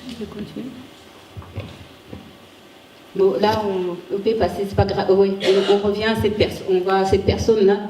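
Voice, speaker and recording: Woman presenting research at a conference, warm and mellow, often pausing and restarting; recorded from afar in a reverberant room. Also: medium pitch, flat delivery. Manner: halting, frequent restarts while searching for words. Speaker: conference speaker, ethics researcher. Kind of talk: academic conference talk with slides. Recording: echoey room, distant mic, faint hiss.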